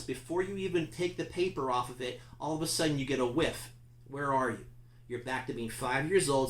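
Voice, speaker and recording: A man's voice: medium pitch, echoey room, poor audio. A man teaching a class in a conversational, emphatic lecture style, often asking his listeners questions.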